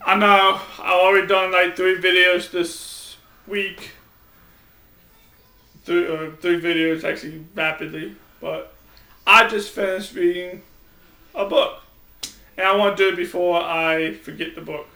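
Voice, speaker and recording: A man's voice: high-pitched, flat delivery, a little slow, creaky, sharp tone. A man giving a casual, rambling vlog book review, often restarting his sentences. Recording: echoey room, mic at a distance.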